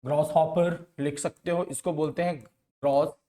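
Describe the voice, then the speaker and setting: A man's voice: a little high, steady tone, normal speed, warm tone. A man teaching a science lesson to schoolchildren, repeating words and asking questions that he then answers himself. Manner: repetitive call-and-response questioning.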